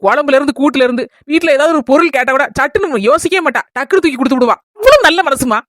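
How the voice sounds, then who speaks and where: An actress portrays a warm-hearted neighbour woman with a Kanyakumari Tamil accent. She talks quickly in a high, gentle voice. The sound is dry and close. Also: animated, no echo. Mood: friendly. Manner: gentle, soothing, affectionate. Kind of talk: comedy skit acting.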